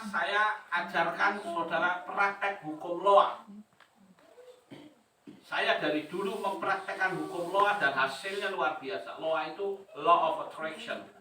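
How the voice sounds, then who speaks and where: Forceful preacher in a roomy hall. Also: male voice, fairly high pitch, far from the mic, slight background noise. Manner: animated, chuckling, addresses the congregation with rhetorical questions. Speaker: pastor. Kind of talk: sermon. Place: church hall.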